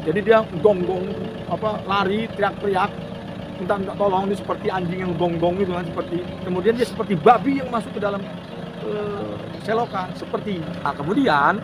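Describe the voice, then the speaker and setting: A man's voice: sits high, noisy background. A man giving a contemptuous account of events and making insulting comparisons.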